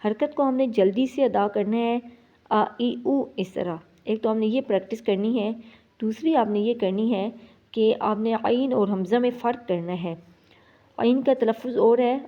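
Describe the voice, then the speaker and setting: A woman teaching Quran reading as a slow lesson, patiently repeating syllables for students to copy. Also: a little high. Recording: slightly dull lo-fi sound.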